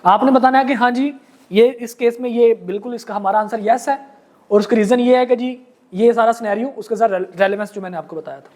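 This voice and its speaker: A man's voice: very high-pitched, fairly even intonation, a little mellow. A man with a Pakistani accent teaches a law class. He explains carefully and patiently, calling his students beta and janab. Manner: explains slowly, reads case text word by word. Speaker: law lecturer. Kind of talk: classroom lecture.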